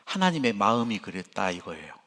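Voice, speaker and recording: Animated older male pastor preaching. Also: lowish voice, fairly quick. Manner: animated, folksy storytelling. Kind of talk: sermon. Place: church.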